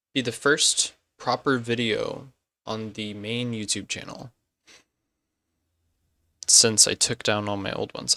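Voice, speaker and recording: A man chatting casually on a game stream, slow and unhurried, with a gravelly, fry-laced voice that still sounds bright and forceful. His pitch sits on the low side, and he drifts off track and corrects himself mid-sentence. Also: dry recording. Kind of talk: casual live-stream chat.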